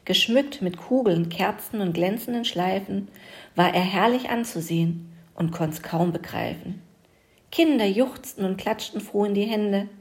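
Female storyteller, unhurried, calm and expressive, reads rhyming children's tales. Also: mid-range voice. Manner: measured, gently expressive storytelling. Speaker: reader of an audio advent calendar story. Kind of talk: storybook reading in rhyme.

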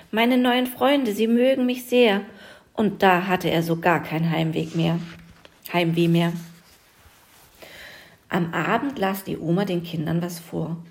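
Female storyteller, unhurried, calm and expressive, reads rhyming children's tales. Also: on the low side. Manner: measured, gently expressive storytelling. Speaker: reader of an audio advent calendar story. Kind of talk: storybook reading in rhyme.

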